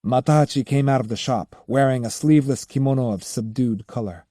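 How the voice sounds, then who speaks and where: Man narrating a novel, warm tone, dry close mic. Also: medium pitch, a little fast, no room sound. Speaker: audiobook reader. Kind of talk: scripted audiobook narration.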